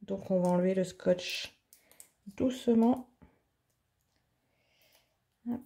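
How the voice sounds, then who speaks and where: A woman's voice: mid-range voice, takes it slowly, creaky, warm tone. A woman hosting an art tutorial in her home office, chatting casually and thinking aloud with plenty of fillers as she demonstrates.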